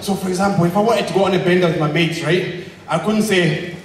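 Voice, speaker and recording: A young man from Zambia, doing an energetic, rabble-rousing stand-up comedy set and shouting his punchlines. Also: high-pitched, fast, heavy reverb, in a large hall, distant mic, a little hiss or hum, rough recording. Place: comedy club stage. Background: audience laughter.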